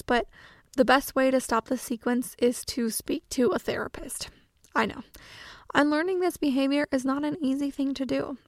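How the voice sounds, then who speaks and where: A woman with a high voice talks through self-help advice in a calm, earnest way. Her delivery is measured and explanatory, and the recording is dry and close. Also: dry recording.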